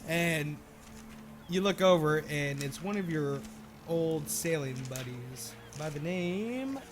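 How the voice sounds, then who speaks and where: A man's voice: a little high, animated, slow pace. A man improvising narration as a tabletop game master, hesitant and thinking aloud. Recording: clear background noise.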